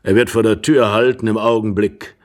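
An actor reading aloud and voicing a tall gentleman with a hoarse voice who speaks curtly and grumbles. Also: lowish voice, steady tone, moderate pace, natural voice. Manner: curt, grumbling.

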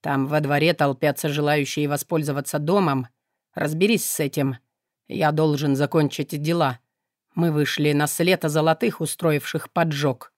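A woman voicing a menacing, brooding male demon in a low, quiet, restrained growl. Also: fairly even intonation, normal speed, no room sound, clean studio sound, natural voice.

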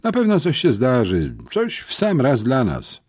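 An eager teenage boy detective, upbeat and hungry for the next case, voiced by a male audiobook reader. He sounds higher than the reader's own voice, with lively pitch. The tone stays husky. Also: unhurried, full character voice.

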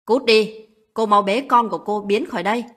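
A woman voicing a harsh older mother-in-law who yells cold insults at her daughter-in-law in a spoken story. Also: fairly high pitch, a little fast, breathy edge. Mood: angry. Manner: shouting, cold and abusive.

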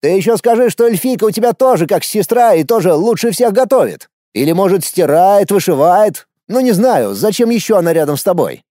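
A man's voice: high voice, sing-song, moderate pace, warm tone, dry recording, studio quality, pitched above the performer's own voice. A man voicing a smug, nosy young man who thinks he knows all about women, talking with sarcastic, insistent teasing. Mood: exasperated. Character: smug, nosy young man, self-styled ladies' expert.

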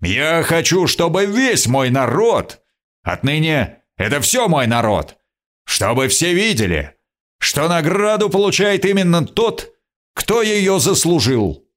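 A man's voice: medium pitch, expressive, measured pace, a bit bright. A man voicing a greedy, short-tempered king who barks his commands, in an audiobook. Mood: proclaiming. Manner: barking commands, raised voice. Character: imperious male king, greedy and quick to anger. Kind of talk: audiobook character voice.

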